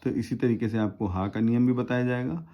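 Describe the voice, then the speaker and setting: A man's voice: mid-range voice, fairly even intonation, a little fast, muffled recording. A man teaching shorthand in a tutorial, patiently spelling out words syllable by syllable. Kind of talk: step-by-step tutorial explanation.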